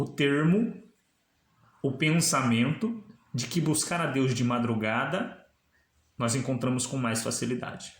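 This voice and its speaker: A man with a mid-range voice teaches a Bible lesson to camera in an echoey room. He explains the text, asks the viewer questions, and acts out the dialogue he quotes.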